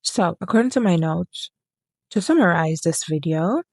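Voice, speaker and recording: A woman's voice: lowish voice, expressive, moderate pace, darkish tone, no echo, studio quality. A woman book reviewer chatting casually to camera, rambling, getting sidetracked and correcting herself as she goes.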